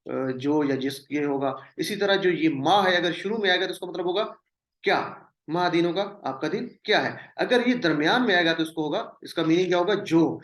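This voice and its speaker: A man's voice: a little high, fairly bright tone, reverberant. A man teaching a language lesson. He speaks patiently, repeats each word and its meaning as a drill, and mixes in English terms. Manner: mixes English words into the explanation. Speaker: Quranic Arabic teacher. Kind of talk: classroom lesson.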